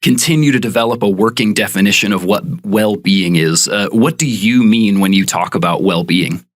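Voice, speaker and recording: A man's voice: on the low side, moderate pace, no room sound, studio quality. A man from Indiana hosting a podcast interview, speaking in an upbeat, earnest and inquisitive way. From Indiana, USA. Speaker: podcast host.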